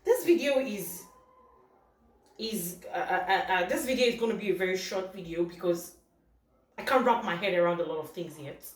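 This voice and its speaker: A woman's voice: on the low side, expressive, moderate pace. Upset woman vlogging in an echoey room. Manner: upset, exasperated, repetitive. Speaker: football vlogger. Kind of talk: casual vlog commentary. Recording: echoey room heard from a distance.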